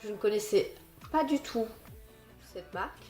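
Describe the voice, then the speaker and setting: This beauty and haul vlogger recommends products to her viewers while ill, her blocked nose making her voice very nasal. She chats casually at normal speed, self-deprecating and apologetic, with a mellow mid-range voice and lively intonation. Soft music plays behind her.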